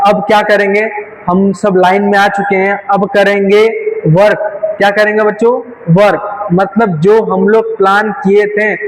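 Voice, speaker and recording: A man delivers a nursing lecture in a high voice. He works by question and answer, asking each point and then repeating the reply. The sound is roomy, with a long reverb tail. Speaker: nursing tutor. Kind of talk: classroom lecture. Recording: echoey room with light background hum.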